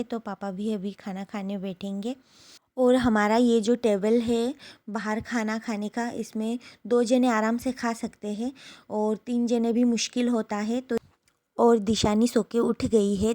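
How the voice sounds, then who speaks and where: A woman's voice: mid-range voice, warm tone. A young woman, a new mother, chatting casually to viewers as she walks through her day at home. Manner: chatty, narrating daily chores to viewers. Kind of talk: casual home vlog narration. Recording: echoey, from off the mic.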